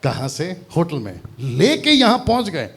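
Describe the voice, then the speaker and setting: A man preaching a lively sermon at a church seminar, teasing and quizzing the crowd and mixing English words into his Hindi. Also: fairly high pitch, measured pace, husky. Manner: animated, teasing, asks the crowd questions.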